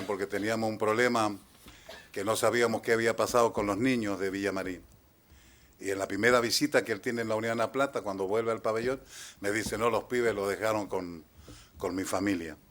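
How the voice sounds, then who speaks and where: A man in his sixties with an Argentine accent, giving halting courtroom testimony as a trial witness and often trailing off quietly. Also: fairly low pitch. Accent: Argentine Spanish. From Chile, raised in Argentina. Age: 60s.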